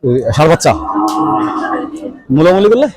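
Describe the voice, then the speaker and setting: A man's voice: on the high side, sing-song, moderate pace, darkish tone, poor audio. A man, walking through a rainy, muddy outdoor cattle market, asking sellers their prices and talking straight to his viewers. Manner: chatty, addresses viewers directly, haggles over prices. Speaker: vlogger touring a cattle market. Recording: outdoor market crowd behind. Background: crowd chatter and rain.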